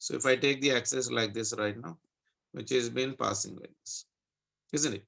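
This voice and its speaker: A physics teacher, a man with a Telugu Indian accent, talks quickly in a mid-range voice. He works through a problem aloud in an interactive tutoring style, often tagging his points with short checking questions. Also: mid-range voice, gravelly, a bit bright. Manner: frequent checking questions and tag questions.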